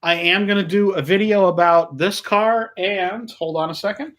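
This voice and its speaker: Man, live stream host, loose rambling chat, voice sits a touch high. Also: steady tone, moderate pace, a bit bright. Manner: chatty, rambling, reads out viewer comments.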